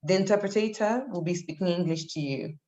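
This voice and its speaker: A woman's voice: lowish voice, fairly quick, mellow. A woman on an online call giving casual, helpful step-by-step instructions, correcting herself as she goes. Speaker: event technical helper. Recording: dull online call audio.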